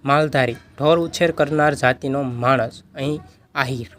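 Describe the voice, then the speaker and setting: A man, working as a tutor, reading vocabulary words and their meanings aloud in a steady list. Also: mid-range voice, unhurried.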